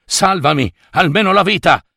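A man's voice: fairly high pitch, expressive, measured pace, creaky, pushed and bright, dry recording, voice pushed up, exaggerated voice. A blustering storybook wizard with a raised, theatrical voice that slides into wailing and begging. A man puts him on while narrating. The sound is dry and close to the mic. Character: blustering wizard who turns cowardly.

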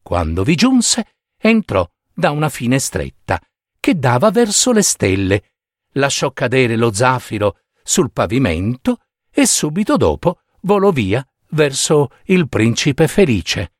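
A man narrating a fairy tale in an expressive, unhurried storybook style. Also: mid-range voice, dry recording, clean studio sound.

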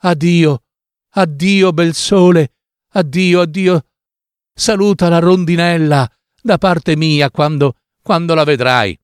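A man voicing a tiny, gentle young girl who says goodbye in a lingering, sorrowful way. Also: on the high side, slow, clean tone, dry recording, studio quality, pitched above the performer's own voice. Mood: sad farewell.

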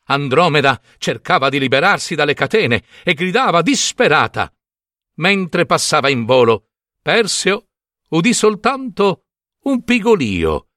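Brief: bright-voiced male storyteller, dry close recording, dramatic reading. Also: on the high side, measured pace, dry recording. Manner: expressive, animated delivery.

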